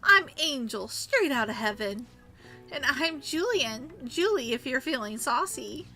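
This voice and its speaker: A woman's voice: sits high, big pitch swings, unhurried, sharp tone, soft background music, full character voice. A woman voicing a flamboyant, sassy drag queen in a video game, flirty, campy and drawling. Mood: flirty, teasing.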